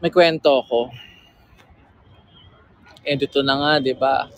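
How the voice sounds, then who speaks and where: A man's voice: mid-range voice, steady tone, slow pace, poor audio. A man chatting casually with fans on a livestream, teasing and reading their comments aloud, with a slightly sore throat. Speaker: livestream host.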